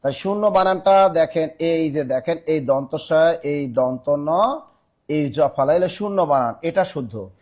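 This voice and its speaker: A man with a Bangladeshi Bengali accent teaching a live online spelling class, spelling words out letter by letter and urging students to answer fast. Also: on the high side, darkish tone.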